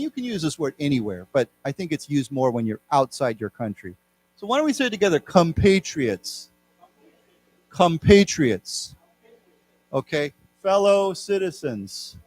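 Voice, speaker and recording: Man teaching english vocabulary to a class. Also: a little high. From Taiwan. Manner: explains words, has the class repeat them. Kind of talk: live classroom lecture. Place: lecture room.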